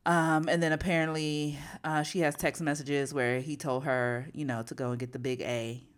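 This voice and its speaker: A woman's voice: sits low, flat delivery, moderate pace, clean tone. A woman co-hosting a podcast in casual chat, playful and often laughing. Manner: playful, laughing, drops to quiet asides. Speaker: podcast co-host.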